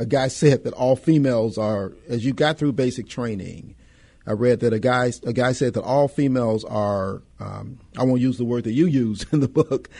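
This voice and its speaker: Gravelly, mellow-voiced male interviewer. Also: medium pitch, no echo. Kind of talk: interview questions.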